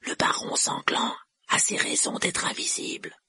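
Young boy hero, read by a man: urgent, low-key, breathy. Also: huge pitch swings, fast, dry recording, studio quality, exaggerated voice. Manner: urgent, hushed. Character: brave young schoolboy hero.

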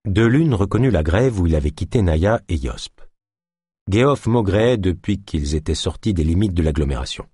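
A man narrates a novel with a low, husky voice. His delivery is expressive, with pitch moving widely. The recording is dry and close, with no room sound. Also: moderate pace, no echo. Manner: expressive storytelling. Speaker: audiobook narrator.

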